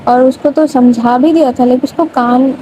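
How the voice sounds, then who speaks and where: A woman's voice: high-pitched, steady tone, dark tone. A young woman retelling a love story in a loose, chatty way, full of casual fillers. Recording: dull lo-fi audio with faint noise.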